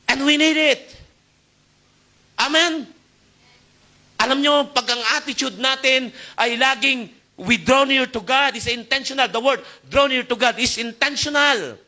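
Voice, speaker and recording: High, bright-voiced preaching man. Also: a little slow. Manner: exhorting, calls for amen, shifting loud and soft. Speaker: youth pastor. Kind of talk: Taglish sermon. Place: church youth service.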